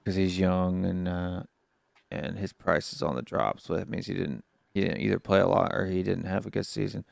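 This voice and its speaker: An American man from the United States in casual football chat, laid-back and trailing off quietly. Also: low-pitched, little pitch movement, normal speed, creaky, no room sound, studio quality.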